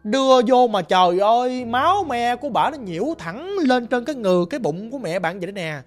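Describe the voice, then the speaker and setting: A woman with a Southern Vietnamese accent telling a ghost story in a lively, emphatic, conversational way. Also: fairly high pitch, fairly quick, soft background music.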